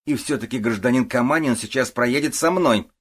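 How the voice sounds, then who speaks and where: A blunt, stubborn woman police officer, as a male narrator puts her on, clipped and sardonic, with her voice pushed up high. The tone is husky and a little rough. Audiobook reading. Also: brisk, close to an everyday voice. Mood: curt. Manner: curt, sardonic.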